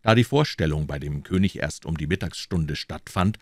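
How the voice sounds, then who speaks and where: Deep-voiced man reading an audiobook. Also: no room sound. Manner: calm, measured, deep reading voice. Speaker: audiobook reader. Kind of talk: audiobook narration.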